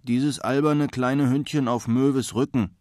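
A man's voice: mid-range voice, steady tone, a little slow, darkish tone, no echo, studio quality, pitched above the performer's own voice, close to an everyday voice. A man voicing a small, snappish winged moon dog who talks in a scornful growl.

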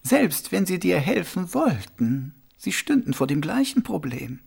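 A man voicing a calm, wry old monk sweeper who speaks slowly and soothingly, in an audiobook character voice. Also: sits high, creaky, breathy edge, pitched above the performer's own voice, heavily acted. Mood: calm, amused. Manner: slow, gently amused, soothing.

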